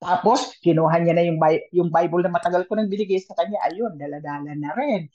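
A woman's voice: fairly low pitch, fairly even intonation, fairly quick, warm tone, highs cut off. A woman sharing a personal church testimony as a radio guest, telling it animatedly and mixing Tagalog and English. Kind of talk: casual testimony.

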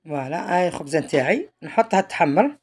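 A woman's voice: low-pitched, big pitch swings, quick pace, darkish tone, husky. A woman with an Algerian Arabic accent, narrating a home cooking tutorial in a chatty way, often trailing off mid-phrase. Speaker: home cook.

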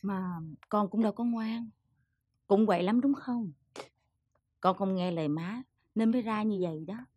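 Actress doing middle-aged southern vietnamese mom, husky, dry close sound, caring but stern. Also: female voice, mid-range voice, normal speed, no room sound, muffled recording, natural voice. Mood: scolding. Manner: consoling, then gently scolding. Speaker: mother.

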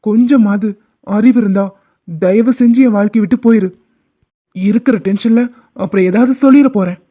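Guy doing a stern young village dude, scolds hard, kinda high, muffled sound. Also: moderate pace. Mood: angry. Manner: harsh, scolding. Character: stern young village man, angry and proud. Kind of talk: cartoon dubbing.

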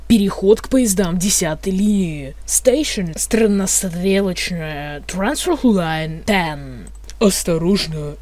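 A young man playing a formal metro announcer, reading measured, formulaic transit announcements in a high youthful voice. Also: a little mellow. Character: formal metro train announcer, bilingual, procedural.

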